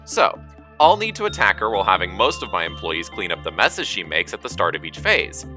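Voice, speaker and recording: Lively, bright-voiced man narrating gameplay. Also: low-pitched, a little fast, soft background music. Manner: wry, dry self-deprecating humor. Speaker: gaming video creator.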